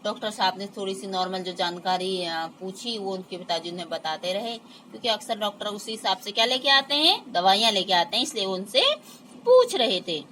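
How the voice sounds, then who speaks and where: A woman teacher talks a class through a textbook play, slipping into the characters' lines and then explaining them plainly. Her voice sits at an ordinary middle pitch. A faint noise hums in the background. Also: expressive, a little fast, bright, forceful tone, rough recording.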